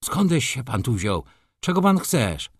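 A man voicing an aging, proud and irritable male shop manager who mutters low and flares up in anger. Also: very animated, unhurried, gravelly, husky, no echo, studio quality, full character voice. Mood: angry. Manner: muttering low, then bursting out angrily.

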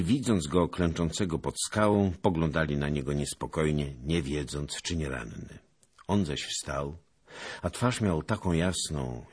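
A man reading a historical novel aloud as an audiobook, with a dramatic, expressive delivery. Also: very deep voice, breathy edge. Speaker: narrator.

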